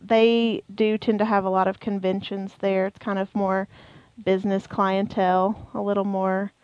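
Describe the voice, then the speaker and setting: Woman, casual podcast chat, chatty with ums, mid-pitched, dry lo-fi sound. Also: little pitch movement, normal speed, darkish tone, clean tone, no room sound. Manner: chatty, many fillers and trailing restarts. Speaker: co-host of a theme park podcast.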